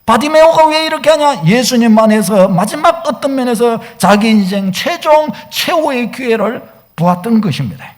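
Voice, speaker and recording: A man's voice: very high voice, expressive, moderate pace. A man preaching a Sunday sermon, using emphatic delivery and many rhetorical questions. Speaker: pastor. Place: church sanctuary.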